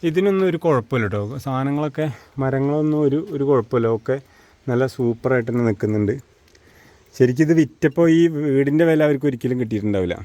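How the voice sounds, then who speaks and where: A man's voice: mid-range voice, dark tone, dry recording. A man with a Kerala Malayalam accent gives a casual, chatty walking tour outdoors, mixing English slang words into his Malayalam. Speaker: vlogger giving a walking tour. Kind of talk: casual chatty walk-and-talk narration. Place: outdoors in hilly countryside. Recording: outdoor rural recording with clear background noise.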